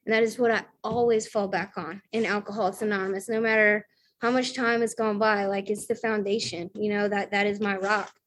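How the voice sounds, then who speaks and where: In a brisk, mid-range voice with little pitch movement, a woman from the American South tells her story at a recovery meeting. It's casual and chatty, and she makes fun of herself, using many fillers and mimicking what others said.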